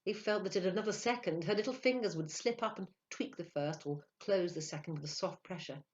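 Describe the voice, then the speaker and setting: A woman narrating a literary short story aloud in an expressive, dramatic way, hushing for quiet moments. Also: fairly low pitch, fairly quick, dull audio. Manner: expressive, dramatic, hushes for awe. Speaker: audiobook narrator.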